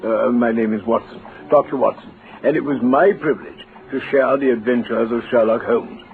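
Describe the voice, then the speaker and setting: A man with a British accent playing an amiable, eager gentleman doctor in an old-time radio drama. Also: medium pitch, fairly even intonation, normal speed, close to an everyday voice. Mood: genial storytelling. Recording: tinny, hissy old radio recording.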